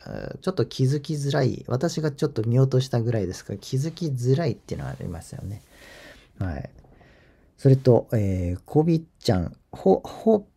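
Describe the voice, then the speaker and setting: A man's voice: medium pitch, big pitch swings, a little fast, creaky, mellow, husky. A man hosting a golf channel, reading viewer comments in a chatty, rambling way and chuckling at his own asides. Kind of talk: casual spoken commentary.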